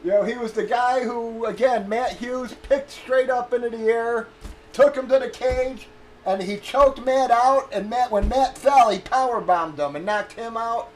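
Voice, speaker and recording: A man's voice: extremely high pitch, unhurried, a little mellow, a little hiss or hum. A man streaming casually, telling a rambling, profane story and stalling as he gropes for names. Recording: echoey room with faint ambience.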